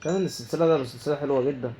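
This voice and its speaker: Fast-talking Egyptian gamer man. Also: mid-range voice, warm tone, a little hiss or hum. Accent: Egyptian Arabic. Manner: chatty, talking to himself and viewers as he plays. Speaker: gaming YouTuber. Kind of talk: let's play commentary.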